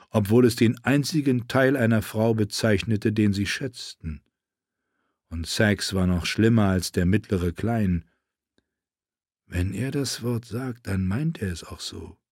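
A man narrating an audiobook in a measured, even storytelling manner. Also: fairly low pitch, no room sound, clean studio sound. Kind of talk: scripted narration.

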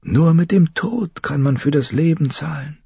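A man's voice: on the high side, normal speed, gravelly, mellow, breathy edge, no room sound, voice pushed up, heavily acted. A man voicing a proud older female healer-sorceress in a storybook reading, speaking coolly and ominously. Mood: ominous, solemn. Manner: cool, knowing, ominous. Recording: slightly dull recording.

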